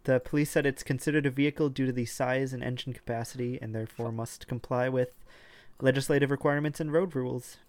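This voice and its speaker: A man's voice: mid-range voice, fairly even intonation, fast talker, a little mellow, no echo. Man chatting with hedging restarts, dry sound. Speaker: podcast co-host. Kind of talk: casual chat over voice call.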